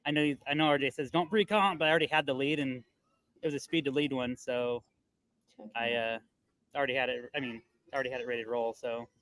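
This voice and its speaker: A man in sales mode races through his pitch with plenty of "um"s and "you know"s, his voice close and dry with no room around it. He sounds practiced and reassuring, explaining money and paperwork in an easygoing run-on way. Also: steady tone, fairly bright tone, dry recording, poor audio. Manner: fast-talking, filler-heavy, reassuring salesman. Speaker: real estate investor on sales calls. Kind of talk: live-streamed phone sales call and debrief. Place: loud area. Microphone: earbud headset mic.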